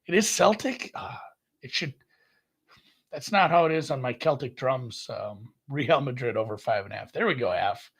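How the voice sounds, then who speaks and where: A man's voice: normal speed, creaky, slightly rough. Chatty man rambling about bets. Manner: rambling, self-correcting, lively jumps in pitch. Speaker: podcast co-host. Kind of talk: casual sports betting chat.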